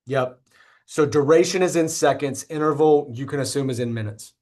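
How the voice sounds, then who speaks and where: A man's voice: mid-range voice, normal speed. A man in his thirties teaching an online statistics class over a video call, checking in often with "okay?". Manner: relaxed, repeats "okay?" to check in. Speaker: instructor. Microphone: computer mic on a video call.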